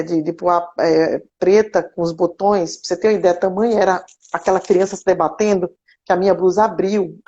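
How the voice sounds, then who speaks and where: A woman from Brazil with a Brazilian Portuguese accent, giving an animated personal testimony with frequent restarts. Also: fairly low pitch. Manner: animated storytelling, frequent restarts and repeated words. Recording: dull lo-fi recording.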